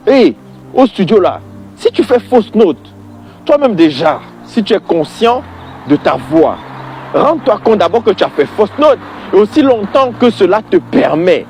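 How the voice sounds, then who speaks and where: A man with a high, slightly mellow voice delivers an informal monologue of religious opinion. Exasperated and emphatic, he repeats his points and speaks straight to the listener. A little hiss or hum is audible.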